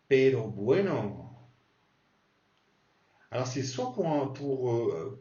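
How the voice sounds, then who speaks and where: Slow patient man teaching, echoey and distant. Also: medium pitch, mellow. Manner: slow, patient, repeats example words. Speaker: Spanish teacher. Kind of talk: casual spoken lesson. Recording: distant echoey dull recording.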